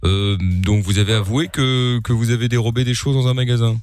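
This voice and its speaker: A man voicing a stern male police officer on a phone call, stammering as he tells a shouting caller to calm down. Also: medium pitch, brisk, clear, resonant tone, dry recording, studio quality, faint music behind, voice pushed down, close to an everyday voice.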